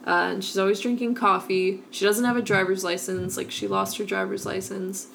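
This is a young woman co-hosting a casual podcast chat. Her voice carries a gravelly fry, and she strings thoughts together with frequent "like" and "um". There is faint noise behind her. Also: medium pitch, little pitch movement, normal speed. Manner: chatty, many fillers of like and um. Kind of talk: casual chat about a cartoon.

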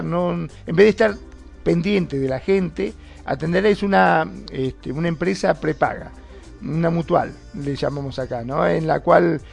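High, gravelly man. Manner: relaxed, uses filler words while he searches for the right term. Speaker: discussion participant. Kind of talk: casual group discussion.

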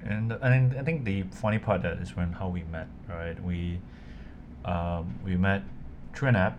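A man from Malaysia, a podcast guest, talking casually in a halting way with many fillers. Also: sits low, fairly even intonation, dull audio, noisy background.

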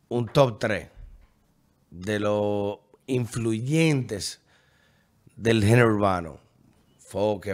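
A man with a Dominican accent interviewing a guest, loose and slangy, with quick interjections. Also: fairly low pitch. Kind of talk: casual interview chat.

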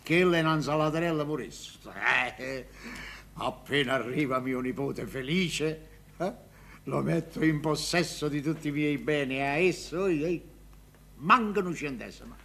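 An actor playing a pompous, stubborn middle-aged mayor with a Neapolitan accent, emphatic and repetitive in a stage comedy. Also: male voice, fairly high pitch, normal speed, fairly bright tone. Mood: indignant. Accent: southern Italian, Neapolitan. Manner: theatrical, emphatic, repeats himself. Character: pompous, stubborn mayor, grudge-holding rich uncle.

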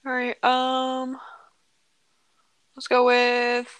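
Teen girl co-host, bright smooth voice, giggly rambler, dry close mic. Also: high voice, monotone, drawn-out words, dry recording, poor audio. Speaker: podcast co-host. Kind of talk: casual chat. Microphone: headphone mic.

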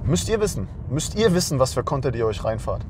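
A man's voice: medium pitch, big pitch swings, a little fast, background noise. A man in his twenties, a dating coach ranting bluntly to camera and scolding his viewers.

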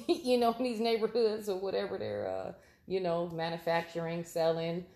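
Woman, podcast co-host, tipsy, gravelly voice, animated casual chat. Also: lowish voice, moderate pace. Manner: animated, swears freely, laughs often.

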